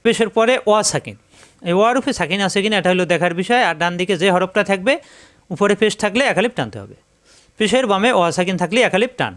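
A man with a high-pitched voice teaches a step-by-step recitation lesson. He speaks patiently and repeats each rule and letter sound over and over so students can memorize them. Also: expressive, quick pace, a bit bright. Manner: patient and repetitive, drilling rules and letter sounds.

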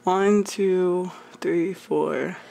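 A woman's voice: lowish voice, fairly even intonation, extremely slow, gravelly, warm tone, slight background noise. A young woman filming a home video with her sister, chatting casually and playing at being a mock-serious parent. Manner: playful, mock-serious, laughs often. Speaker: student filming a home documentary. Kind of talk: casual home-video chat with mock-dramatic role-play. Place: home room. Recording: echoey room.

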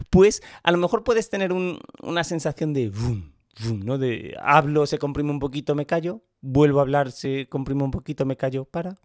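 A man's voice: a little high, no echo. A middle-aged man, explaining audio gear in a chatty way and often asking the listener to notice things, recorded on a close studio mic. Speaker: audio gear tutorial host. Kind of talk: explaining and demonstrating equipment. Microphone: close studio microphone.

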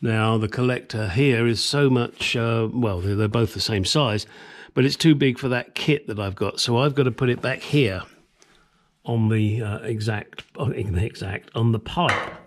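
Speaking at medium pitch and a moderate pace, a DIY mechanic gives casual how-to narration from under a car in his home garage. He explains each step, lets slip some swearing and crude jokes, and is filmed on a small action camera.

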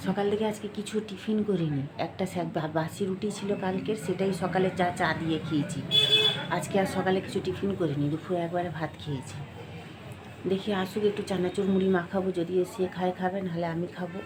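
A woman's voice: on the low side, steady tone, a little fast, background noise. A middle-aged woman chatting to her viewers in a casual home vlog, confiding and talkative. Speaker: home vlogger. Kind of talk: casual daily-life vlog talking to viewers. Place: home kitchen indoors.

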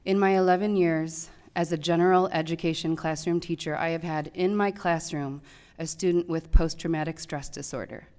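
Reading her prepared public comment from a podium mic in a large meeting hall, this teacher in her thirties comes across earnest and pleading, building to loud emphasis. Her voice sits low and smooth, at normal speed with fairly even intonation.

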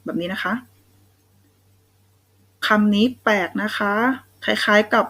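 A woman's voice: medium pitch, steady tone, slow pace, fairly bright tone, rough recording. A young Thai woman teaching children English phonics, sounding out letters one at a time and praising them. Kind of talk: slow, patient phonics lesson for kids.

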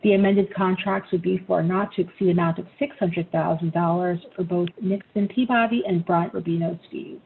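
A woman presenting an agenda item over a teleconference line in a steady, businesslike way. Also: on the low side, brisk, creaky, few pauses. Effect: heard over a teleconference line. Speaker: staff presenter. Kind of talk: formal scripted presentation. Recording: tinny phone-line sound, faint noise.

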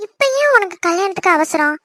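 A woman's voice: extremely high pitch, very animated, a little fast, a bit bright, full character voice. A woman voicing a teasing, bossy young older sister in a family cartoon, with a chirpy voice. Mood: caring. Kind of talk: cartoon voice acting.

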